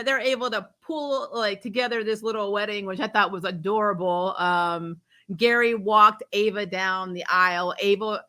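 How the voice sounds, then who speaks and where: A woman hosts a TV show recap livestream, going over an episode in a casual, chatty way and acting out quotes. She's informal, giggly, and rambling, often correcting herself. Her voice is medium-pitched with a sharp tone.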